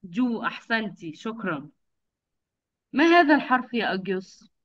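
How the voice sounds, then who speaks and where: High, lively woman teaching small children. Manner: patient, drawn-out enunciation with frequent praise. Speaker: kindergarten teacher. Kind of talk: online phonics lesson for young children. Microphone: video call. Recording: dull lo-fi video call audio.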